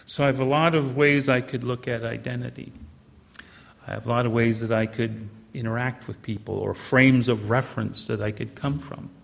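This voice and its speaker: A Canadian-born man preaching a sermon in a church, earnest and measured, slowing down to stress key phrases. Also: medium pitch, fairly even intonation, gravelly. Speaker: pastor. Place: church sanctuary. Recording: reverberant church hall.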